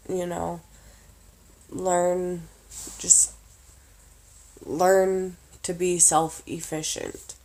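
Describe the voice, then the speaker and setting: A tired woman giving casual budgeting advice in a vlog, slow and halting with lots of pauses and fillers. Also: on the low side, mellow. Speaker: vlogger.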